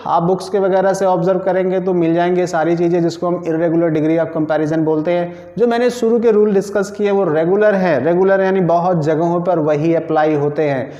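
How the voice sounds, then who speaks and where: A man's voice: sits high, fairly even intonation, moderate pace, few pauses, dark tone. A man teaches a grammar lesson, patiently repeating each rule and spelling words out letter by letter. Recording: roomy, echoing and dull lo-fi sound.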